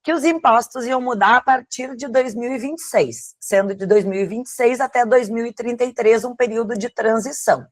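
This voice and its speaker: With a slightly high voice, she talks fairly quickly and barely pauses, captured in clean studio sound without any room tone. She is a tax lawyer and lecturer from Rio Grande do Sul with a gaúcho accent, guest-presenting to viewers online in a chatty explanatory style where she answers her own questions.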